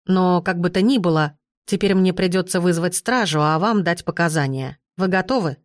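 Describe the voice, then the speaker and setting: A woman's voice: on the low side, moderate pace, dry recording, studio quality, close to an everyday voice. A woman reading a cold, stern male investigator. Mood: formal. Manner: cold, self-assured, formal.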